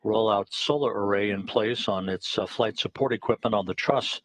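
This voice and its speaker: A man giving live broadcast commentary in a measured way, often pausing on "uh". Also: lowish voice, dry recording, poor audio. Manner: measured, with frequent "uh" pauses.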